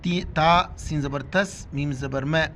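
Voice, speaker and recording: A man teaching Quran recitation in Urdu-accented speech, spelling out letters and vowel marks, then reciting each word slowly and drawn out. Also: on the high side, steady tone, noisy background.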